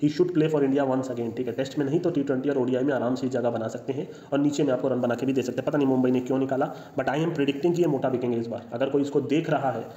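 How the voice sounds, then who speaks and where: Over slides, an unseen cricket analyst talks quickly with few pauses, his dark, mid-range voice fairly even in intonation. His casual, opinionated take includes confident predictions and English phrases, captured in an echoey, dull lo-fi room.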